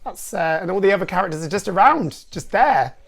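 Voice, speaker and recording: A woman's voice: lowish voice, animated, brisk. A woman hosting a comic film review, talking in a dry, sarcastic way with wry asides. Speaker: host reviewing films.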